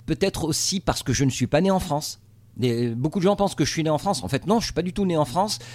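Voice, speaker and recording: Speaking fast in a slightly high voice with a darkish tone, a middle-aged TV journalist from Tunisia who works in the US fields interview questions. His answers are casual and halting, packed with fillers and false starts.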